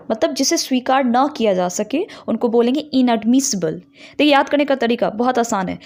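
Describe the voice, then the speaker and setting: A woman with a fairly high voice teaches English words. She reads each definition slowly and deliberately, explains it, and then asks the answer back to the listener. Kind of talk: bilingual vocabulary lesson.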